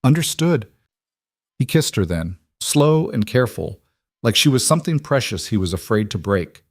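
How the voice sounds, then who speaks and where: Man, story narrator, low voice, steady reading, dry close sound. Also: moderate pace, no room sound.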